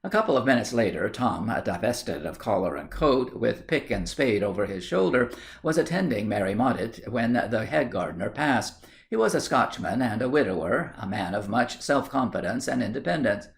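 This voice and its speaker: A man narrating a storybook in a steady, measured reading. His voice has a gravelly texture and a lively, wide-ranging melody. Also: mid-range voice. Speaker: audiobook reader.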